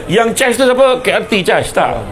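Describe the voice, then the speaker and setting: High-voiced Malaysian preacher, joking and chatty. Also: male voice, big pitch swings, normal speed, a crowd in the background. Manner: joking, conversational, full of rhetorical questions. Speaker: religious lecturer. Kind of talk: casual sermon to a live audience. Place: community lecture event.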